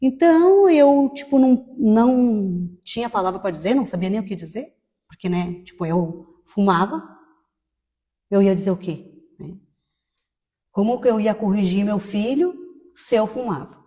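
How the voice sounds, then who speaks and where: A woman in her fifties giving a personal testimony in a conversational way, tagging many phrases with quick questions. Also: mid-range voice, animated, mellow, long reverb tail, dull audio. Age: 50s. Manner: conversational, tag questions after most phrases. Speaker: testimony speaker.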